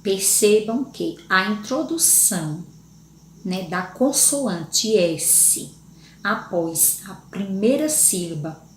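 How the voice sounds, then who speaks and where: A woman's voice: mid-range voice, a little hiss or hum. A woman teacher giving a lesson to young children in Brazilian Portuguese, spelling out letters and syllables patiently and often checking in with the class. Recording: echoey room.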